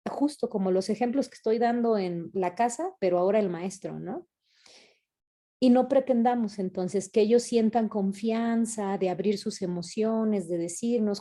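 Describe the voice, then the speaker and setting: Woman giving a talk to parents, really dark mellow voice, chatty, keeps asking "no?". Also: on the high side. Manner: conversational, asks "¿no?" often. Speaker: speaker at online parents' conference. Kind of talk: lecture to parents. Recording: online video call talk.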